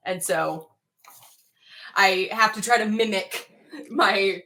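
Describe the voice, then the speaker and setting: A woman dungeon master talking casually with her players, relaxed and quick to laugh. Her voice is bright and sits at an ordinary pitch. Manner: relaxed, chatty, laughs easily. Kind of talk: casual tabletop chat.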